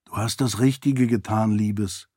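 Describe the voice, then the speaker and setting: A man voicing a stern but motherly older noblewoman, calm and reassuring, in an audiobook. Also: fairly low pitch, measured pace, dry recording, clean studio sound.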